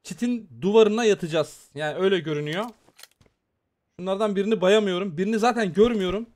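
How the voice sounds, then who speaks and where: A man giving excited, chatty live commentary on a mobile shooter game, talking straight to his viewers as he plays. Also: sits high, quick pace. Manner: excitable, chatty, talks to viewers while playing. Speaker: gaming YouTuber.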